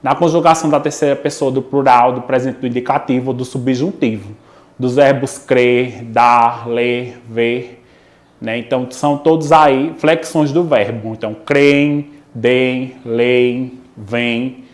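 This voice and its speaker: A man with a Brazilian Portuguese accent from Pernambuco teaches a recorded class. His pitch sits in the middle for a man. He explains step by step, keeps asking "né?" and "ok?", and stretches out the example words so students can follow. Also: fairly even intonation. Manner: explanatory, frequent "né?" and "ok?" check-ins, drawn-out example words. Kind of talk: recorded online lesson.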